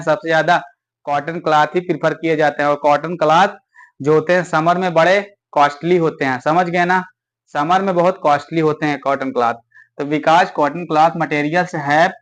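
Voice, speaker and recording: Man teaching a class, fairly high voice, chatty and coaxing. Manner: chatty, coaxing students to answer. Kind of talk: classroom lecture.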